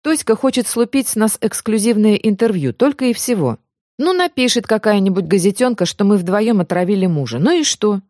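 A woman's voice: medium pitch, expressive, fairly quick, warm tone, dry recording, clean studio sound, lightly acted. A woman reading the part of a man, a teasing and affectionate lover, in an audiobook. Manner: bantering, affectionate.

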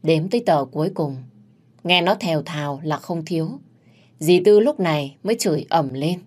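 A woman's voice: deep voice, moderate pace, darkish tone. Woman narrating a dramatic story. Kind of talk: first-person story narration.

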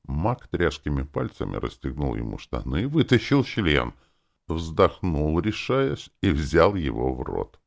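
Very deep, gravelly male audiobook narrator. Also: a little slow. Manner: expressive, crude, sardonic. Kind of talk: first-person fantasy audiobook narration.

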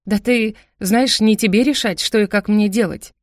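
A woman's voice: mid-range voice, normal speed, no echo, clean studio sound, pitched above the performer's own voice, lightly acted. A woman doing a hurt, defiant young woman. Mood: defiant, upset. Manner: sharp, pleading and raised. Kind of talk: audiobook character voice.

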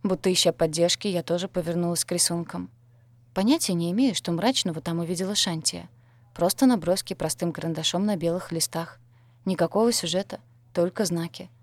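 A woman reading a first-person story as an audiobook narrator, measured and dryly ironic. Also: fairly low pitch, darkish tone, no room sound.

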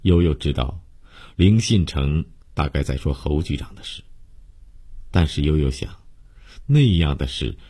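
Man reading a novel aloud, super deep voice, husky, slow and steady. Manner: steady, measured, sentimental reading. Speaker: audiobook narrator. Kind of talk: scripted novel narration.

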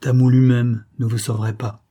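Man reading an old doom-saying sorcerer, husky and mellow, solemn. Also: medium pitch, flat delivery, normal speed, close to an everyday voice. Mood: grave. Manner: solemn, prophetic warnings.

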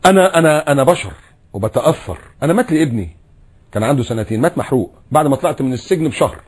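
A middle-aged man preaching a sermon in Egyptian Arabic, animated, full of rhetorical questions and mimicry. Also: medium pitch, rapid-fire, slightly rough. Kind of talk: colloquial sermon.

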